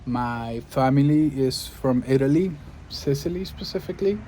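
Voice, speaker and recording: A Venezuelan podcaster and video creator muses thoughtfully in Spanish in a casual monologue to camera, often searching for words. His voice is medium-pitched and dark in tone with lively intonation at a moderate pace, and there is slight background noise.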